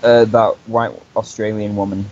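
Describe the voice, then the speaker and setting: A man's voice: lowish voice, level tone, moderate pace, a little mellow. A young man on a live stream, talking earnestly and profanely, stammering through restarts. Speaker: co-host. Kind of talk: casual chat on a live stream. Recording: dull lo-fi mic with hiss.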